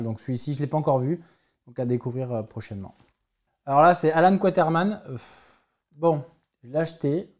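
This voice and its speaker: Mellow-voiced man rambling about films. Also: medium pitch. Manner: rambling, self-correcting, frequent hesitations. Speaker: film collector and channel host. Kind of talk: casual film collection review vlog.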